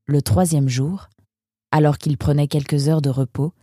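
A woman reading a children's novel aloud in a measured, even storytelling manner. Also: low voice, no echo, studio quality. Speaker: narrator. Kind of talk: audiobook narration.

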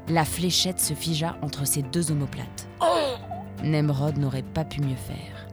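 A woman narrating an adventure story in a steady, vivid reading voice. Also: low voice.

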